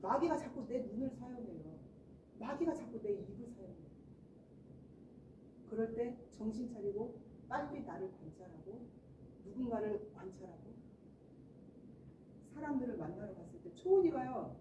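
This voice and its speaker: A woman's voice: a little high, expressive, moderate pace, long pauses. A woman preaching a sermon as the pastor's wife, asking her listeners questions and acting out little everyday scenes. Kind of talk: sermon to a congregation. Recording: roomy echo, distant mic, noisy background.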